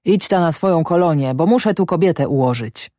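A narrator voicing a stubborn, anguished peasant farmer in a storybook reading, speaking in rough, blunt country talk. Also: male voice, on the high side, animated, a little fast, warm tone, no echo, studio quality, natural voice.

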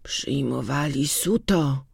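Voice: medium pitch, animated, gravelly, slightly rough, dry recording, clean studio sound, exaggerated voice. Narrator doing a feverish old farmhand. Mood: weary. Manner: slow, sighing, feeble speech. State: feverish and weak. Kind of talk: audiobook reading.

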